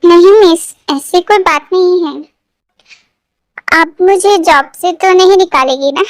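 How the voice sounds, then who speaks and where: A woman's voice: very high voice, a little slow. A woman voicing a shy, deferential young man. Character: shy, polite young male employee. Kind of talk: fan fiction story read aloud.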